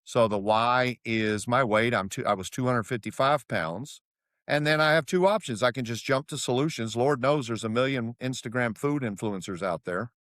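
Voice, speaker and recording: A man's voice: mid-range voice, moderate pace, dry recording, studio quality. A man talking as a consultant guest in an interview, telling stories and acting out what others said. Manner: animated, acts out quoted dialogue. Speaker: guest, process improvement consultant. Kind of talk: storytelling interview answers.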